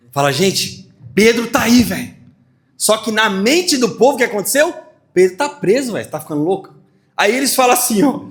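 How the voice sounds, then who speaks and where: Lively pastor preaching. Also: male voice, high voice. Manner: lively preaching with acted dialogue and laughter. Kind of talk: sermon.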